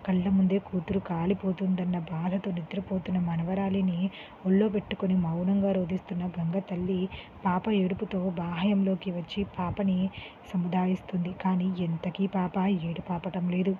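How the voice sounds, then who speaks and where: A woman narrating a dramatic story in a steady, earnest reading voice. The sound is tinny and phone-like with a faint hiss. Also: fairly low pitch, normal speed. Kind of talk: scripted narration.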